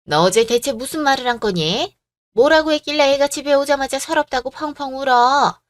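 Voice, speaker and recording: A nagging middle-aged mother-in-law voiced by a woman accuses in a raised, sharp-edged voice. She scolds relentlessly in a radio drama. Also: fairly high pitch, animated, normal speed, natural voice. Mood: reproachful. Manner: accusing, reproachful.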